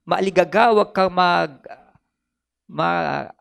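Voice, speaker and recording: A man's voice: sits high, slow, gravelly, a bit bright, clean tone. A man with a Filipino accent preaching a sermon as pastor, switching between Tagalog and English and repeating phrases for emphasis.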